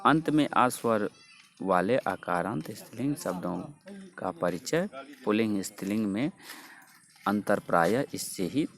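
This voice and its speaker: A man's voice: fairly low pitch, expressive, a little slow. A male teacher explaining grammar and reciting word forms for students to repeat. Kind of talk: Sanskrit grammar lesson with drills.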